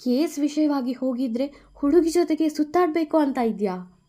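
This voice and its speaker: A woman voicing a tearful, angry young wife who speaks loudly and emphatically. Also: high-pitched, animated, normal speed, pitched above the performer's own voice. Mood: upset, angry. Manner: loud, emphatic, pleading.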